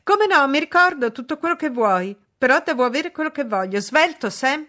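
A haughty young noblewoman, proud and commanding, as a woman reader puts her on. She speaks high and loud, issuing orders with imperious disdain in a storybook reading. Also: animated, moderate pace.

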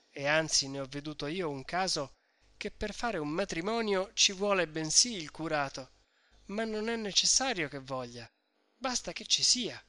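Voicing a shrewd, chatty middle-aged mother, a man insists on points and explains them at length. His bright voice is fairly high in pitch, recorded dry with no room sound.

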